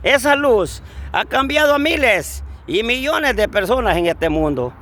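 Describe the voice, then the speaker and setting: A man's voice: very high voice, very animated, unhurried, a bit bright. A man preaching a fervent sermon outdoors, repeating blessings and calling listeners brothers.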